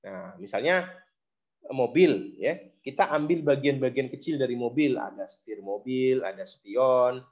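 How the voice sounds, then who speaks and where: A man's voice: medium pitch, expressive, a little slow, a little mellow. A man giving a recorded lecture on logic, explaining step by step with frequent fillers. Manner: explanatory, many fillers like "nah" and "gitu". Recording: dull lo-fi recording.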